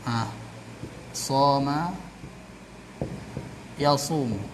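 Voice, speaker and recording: A man teaching Arabic grammar in a classroom lesson, repeating each term and pausing to correct himself. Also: mid-range voice, background noise.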